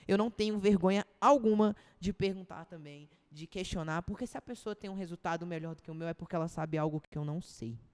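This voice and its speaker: A woman's voice: lowish voice, fast talker, hardly any pauses, a little mellow, smooth. A young woman from Brazil, a personal trainer chatting as a podcast guest, casual and slangy, often restarting her sentences. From Brazil, Ceilândia (Brasília).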